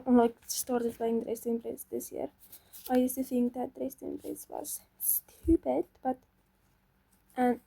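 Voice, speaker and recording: With vocal fry and a slightly dark tone, this young woman's voice sits on the high side, and there's no room sound. A gaming channel host, she chats to herself through gameplay in a self-doubting, talkative way.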